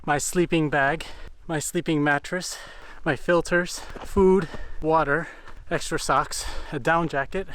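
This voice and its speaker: A man's voice: fairly high pitch, steady tone, takes it slowly, hardly any pauses, fairly bright tone. Breathless man narrating a mountain hike. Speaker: host, photographer. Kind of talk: casual hiking vlog narration. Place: outdoors on a mountain trail.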